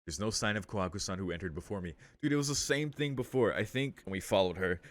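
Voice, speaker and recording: In this let's play, a man with a low, animated voice reads visual novel text aloud at a quick pace, breaking in with casual, slangy commentary and some swearing. The recording has no echo.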